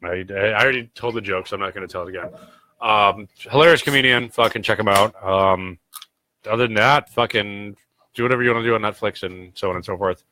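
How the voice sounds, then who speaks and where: A man's voice: fairly low pitch, fairly quick, bright, forceful tone, slight background noise. A young man with a cold hosting a casual podcast, rambling and swearing freely. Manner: rambling, profane, laid-back. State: sick with a cold. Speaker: podcast host. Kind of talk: casual livestream podcast chat.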